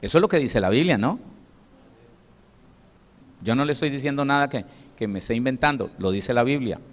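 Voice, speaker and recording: A man's voice: mid-range voice, lively intonation, a little fast. A Colombian man, a pastor, preaching a sermon with emphatic delivery and acted-out quotes, in a Colombian Spanish accent. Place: church hall. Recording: long hall reverb.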